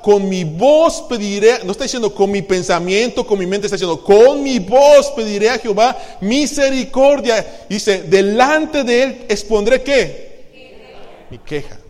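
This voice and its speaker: A middle-aged man preaching as a pastor, swinging between hushed, confessional passages and loud, emphatic ones, often asking his congregation questions. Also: sits high. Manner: asks the congregation rhetorical questions. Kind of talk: sermon. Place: church hall. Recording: long reverb in a church hall.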